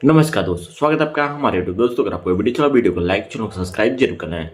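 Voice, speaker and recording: A man's voice: on the low side, lively intonation, rapid-fire. Man narrating to his viewers. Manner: repeatedly addresses viewers as friends. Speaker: YouTube channel host. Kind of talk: scripted reaction narration.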